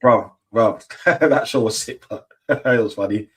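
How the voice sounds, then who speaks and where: Hosting a relaxed football watch-along stream, a middle-aged man talks in a fairly low, husky voice at a measured pace. His chat is loose and slangy, packed with fillers and restarts.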